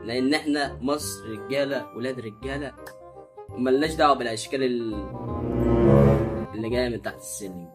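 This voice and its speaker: A young Egyptian man with an Egyptian Arabic accent, hosting his channel with animated, mocking comic reactions. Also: medium pitch, brisk, pauses often, loud music behind the voice. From Upper Egypt. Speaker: channel host.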